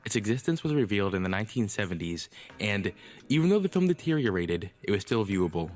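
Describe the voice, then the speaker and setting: Male list narrator, lowish voice, measured scripted read, faint music. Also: big pitch swings. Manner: measured, informative.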